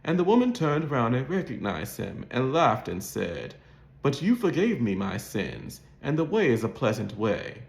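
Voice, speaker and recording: A man's voice: mid-range voice, huge pitch swings, normal speed, vocal fry. A man with a modern Mid-Atlantic accent, reading in a formal, carefully enunciated, scripted literary style. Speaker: host of an accent practice channel. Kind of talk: scripted read-aloud of a literary short story. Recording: roomy, echoing sound.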